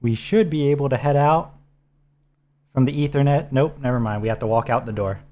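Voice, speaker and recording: Mellow-voiced man guiding a game. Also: medium pitch, fairly quick. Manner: relaxed, instructive, talks teammate through menus. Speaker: streamer co-host. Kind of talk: casual gameplay chat.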